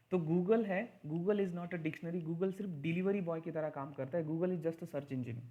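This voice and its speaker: A man teaching an English grammar lesson in Hindi mixed with English, slowing down to stress key points. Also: fairly high pitch, darkish tone, muffled recording.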